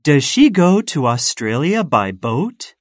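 A woman reading textbook dialogue questions for a listening test, slowly and carefully enunciated for learners. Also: sits low, big pitch swings, dry recording, clean studio sound.

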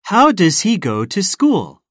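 A woman reading textbook dialogue questions for a listening test, slowly and carefully enunciated for learners. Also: mid-range voice, wildly swooping pitch, no echo, studio quality.

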